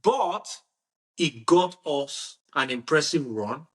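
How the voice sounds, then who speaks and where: A man hosting a casual football discussion, animated and restarting his sentences often. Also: a little high, takes it slowly. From Nigeria. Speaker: podcast host.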